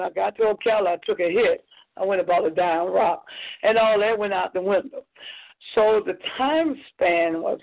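Woman telling her story over a tinny phone line, high and gravelly, keeps repeating herself. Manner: earnest, repeats phrases, frequent ums. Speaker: guest sharing her testimony. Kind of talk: personal testimony on a call-in show.

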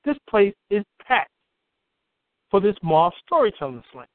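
A booming, outspoken Chicago man whose voice sits somewhat high for a male tells his story as an interview guest, very animated but unhurried, stacking up repeated words as he warms up. The audio is dry and tinny like a phone line, with no echo.

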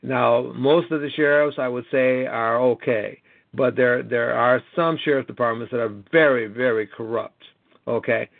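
On a conference call, a late-sixties American man speaks in a gravelly, medium-pitched voice at a moderate pace, his tone steady and the recording dry. The narrow phone line makes him sound tinny. He rambles sincerely, stressing points with a repeated, emphatic "okay?"

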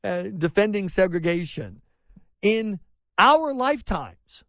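A man's voice: sits high, big pitch swings, slow, fairly bright tone, no echo. A middle-aged man from rural South Carolina hosting a talk radio show, delivering an impassioned opinion monologue with frequent restarts and mocking asides. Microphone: close studio mic, dry.

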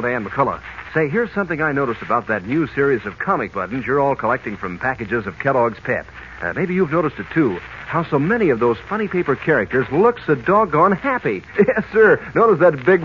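A man reading a cereal commercial on a 1940s radio show with a chummy, upbeat sales pitch, heard on an old radio recording. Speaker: radio announcer. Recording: dull old radio recording with faint hiss.

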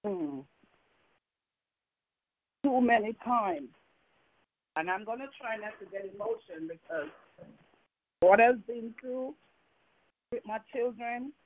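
Speaking slowly and expressively at a medium pitch, a woman pauses often during a fervent evening sermon. Her Jamaican accent carries repeated phrases, rhetorical questions, and call and response, all heard through tinny phone-line audio.

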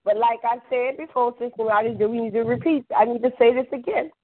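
A woman's voice: a little high, fast. A woman talking in a casual phone-call chat, blunt and emphatic, repeating herself for weight and throwing in curse words. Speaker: podcast caller discussing history. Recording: tinny phone line.

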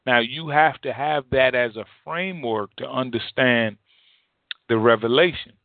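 Speaking as an apostle, a man preaches a Bible teaching sermon, exhorting listeners directly in deliberate, halting phrases with emphatic repetition. His medium-pitched voice is dry, heard through thin, phone-like band-limited audio.

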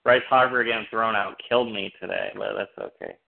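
A man co-hosting a casual sports chat in a hesitant, halting way, over a muffled connection. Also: fairly low pitch, steady tone, gravelly. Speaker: sports podcast co-host.

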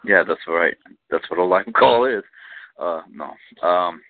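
A man's voice: low-pitched, a little slow, no room sound. A man rambling in a casual group call, laughing between remarks. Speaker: call-in show participant. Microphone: phone. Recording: phone-line audio.

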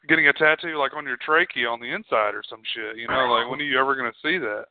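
A man's voice: medium pitch, normal speed, no room sound. A man trading crude, profane jokes with a friend on a podcast. His voice sits in an ordinary middle range and comes through a narrow, tinny, phone-like channel. The room sounds dead and dry. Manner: joking, profane, laughs often. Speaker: podcast co-host. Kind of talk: crude casual banter.

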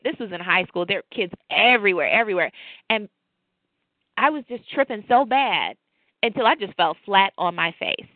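A woman co-hosting a faith talk show, telling a lively personal story and drawing a lesson from scripture. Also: mid-range voice, dry recording. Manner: storytelling, animated, preachy asides. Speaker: podcast co-host. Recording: tinny phone-like line, dry.

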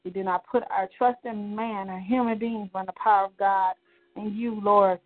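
A woman's voice: mid-range voice, fairly even intonation, normal speed. A woman leading a congregational prayer, speaking in fervent, rhythmic repeated declarations. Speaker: prayer leader. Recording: tinny phone-line sound.

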